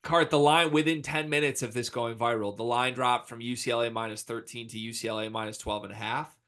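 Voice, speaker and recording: A man's voice: mid-range voice, steady tone, a little fast, a bit bright. An American man co-hosting a casual sports talk show, speaking emphatically in informal slang and hyperbole. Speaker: sports podcast host.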